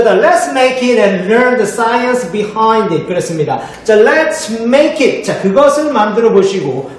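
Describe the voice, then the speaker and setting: A man teaching English in a remote lesson for middle school students, explaining step by step and answering his own questions. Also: sits high. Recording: echoey room, faint noise.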